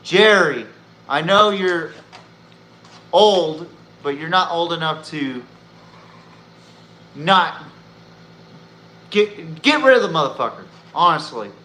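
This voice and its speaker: This man hosts a sports podcast, delivering blunt, profane, opinionated takes like a fed-up fan. His voice sits on the high side, animated and bright with a forceful edge, moving slowly with long pauses. The recording has a roomy echo and faint background noise.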